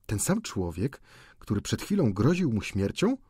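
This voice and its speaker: A man narrating an audiobook with expressive storytelling. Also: fairly low pitch, a little slow, slightly rough, dry recording, studio quality. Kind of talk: scripted narration.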